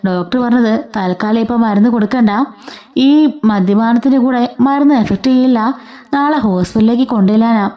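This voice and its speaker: A woman voicing a worried older male family friend who explains things calmly. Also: fairly high pitch, moderate pace, close to an everyday voice.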